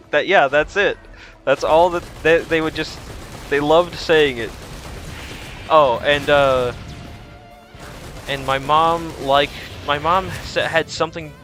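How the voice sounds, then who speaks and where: Bright-voiced young male streamer chatting. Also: on the high side. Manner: rambling, chatty, frequent restarts. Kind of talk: casual chat while streaming a game.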